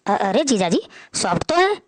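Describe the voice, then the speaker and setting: A woman's voice: medium pitch, very animated, normal speed, no room sound, close to an everyday voice. A woman playing a young man from a poor family in a family drama, pleading with his in-laws. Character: young man, poor brother, touchy but meek. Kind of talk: Hindi family drama acting.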